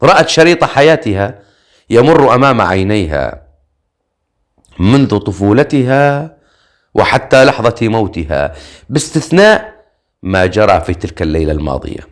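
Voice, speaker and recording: Low-voiced male storyteller. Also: sing-song, moderate pace, pauses often. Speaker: audiobook narrator. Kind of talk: scripted narration.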